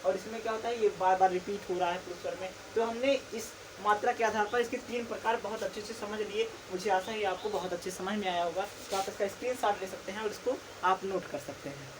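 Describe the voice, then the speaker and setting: A woman's voice: medium pitch, quick pace, few pauses. A woman teaching a lesson who keeps asking a question and then answering it herself, repeating each key term. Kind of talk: recorded classroom lesson. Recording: distant mic with faint background noise.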